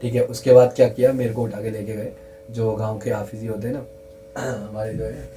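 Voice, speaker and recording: Speaking briskly in a fairly low, level voice, a young man sincerely shares a true scary story in a casual chat. He repeats things for emphasis and drops to a hush when it gets tense, all over music on a rough recording.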